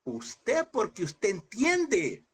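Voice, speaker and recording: Animated husky-voiced man teaching scripture. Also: very slow. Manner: animated, mimics voices with sudden high shouts; addresses listeners as brother, rhetorical questions. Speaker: Bible seminary teacher. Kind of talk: lively preaching lecture.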